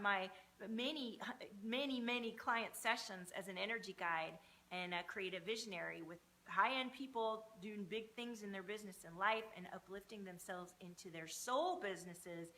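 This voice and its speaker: Female livestream coach, mid-pitched with a bright, driving edge; emphatic motivational pep talk, casual and sweary. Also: poor audio. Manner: informal, sweary. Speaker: energy coach hosting a livestream.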